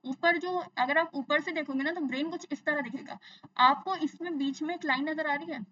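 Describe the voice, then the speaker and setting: Brief: bright, high-pitched young woman teacher, drilling terms by repetition; slightly distant, dull mic. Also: fairly quick. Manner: explains in Hindi mixed with English, repeats terms, asks and answers own questions. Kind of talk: exam-focused science lesson.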